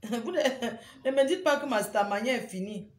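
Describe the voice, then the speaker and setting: A woman's voice: a little high, expressive, normal speed, reverberant. A woman hosting a casual live stream from home on her phone, urgently repeating her pleas to viewers and teasing them with scolding banter. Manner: repetitive, urgent pleading with viewers. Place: at home indoors.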